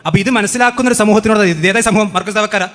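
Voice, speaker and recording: A man's voice: high-pitched, fairly bright tone. A man giving a heated religious rebuttal, mocking and firing off rhetorical questions. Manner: sarcastic, mocking, rapid-fire questions. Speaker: religious speaker. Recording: echoey hall with long reverb.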